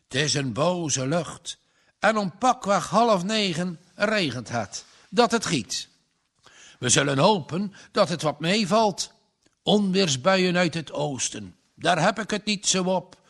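A man voicing a confident village man who reads the weather, speaking slowly with rising emphasis. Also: sits high, expressive, fairly bright tone, voice pushed up, heavily acted. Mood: foreboding.

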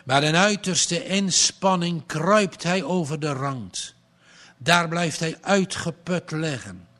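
A man narrating a storybook aloud with a slow, dramatic read-aloud delivery. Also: a little high, lively intonation, fairly bright tone.

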